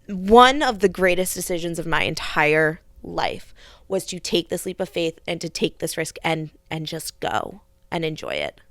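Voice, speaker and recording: A woman's voice: fairly low pitch, very animated, a little slow, fairly bright tone, dry recording, clean studio sound. A young adult woman hosting a podcast, telling a personal story in an earnest, reflective way with frequent restarts. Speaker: podcast host.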